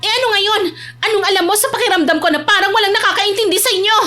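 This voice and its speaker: Woman putting on a teenage girl, high-pitched, shrill, pleading and defiant, faint music under the voice. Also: fairly even intonation, fairly quick, pushed and bright. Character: rebellious teenage adopted girl, defensive and hurt.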